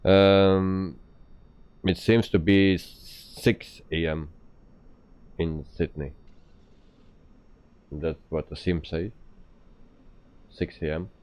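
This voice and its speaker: Very deep, slow-talking man streaming, dull sound. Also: little pitch movement, darkish tone, clear, resonant tone. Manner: hesitant, explaining step by step. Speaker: flight simulator live streamer. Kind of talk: casual game commentary.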